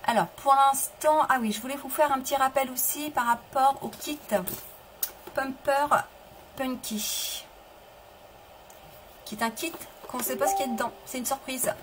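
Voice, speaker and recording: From her home table, a chatty middle-aged woman runs a live papercraft tutorial in a slightly high voice with a steady tone and normal speed. She talks loosely, with long pauses, restarting sentences and answering viewers. The low-quality stream audio carries clear background noise.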